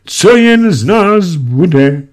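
A man's voice: medium pitch, sing-song, vocal fry, voice pushed up. A man voicing a fretful, lamenting aristocratic mother in a storybook reading. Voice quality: wailing, whiny. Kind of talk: audiobook reading.

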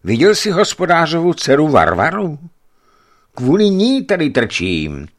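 A man voicing a gruff, lovesick young giant who works as a watchman, speaking in a raised, loud dialogue voice. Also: on the high side, wildly swooping pitch, pitched above the performer's own voice.

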